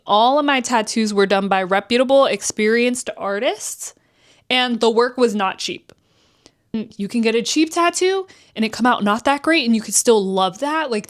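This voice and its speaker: In her casual vlog, a New Jersey woman in her twenties talks to camera in a chatty, candid way, dramatizing quotes with pitch swings.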